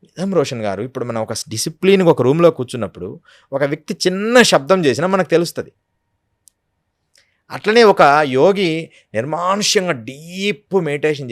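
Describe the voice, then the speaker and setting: A man's voice: a little high, no echo, studio quality. Earnest man telling yogi stories. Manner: earnest, storytelling with acted quotes. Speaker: yogi guest. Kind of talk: devotional interview talk.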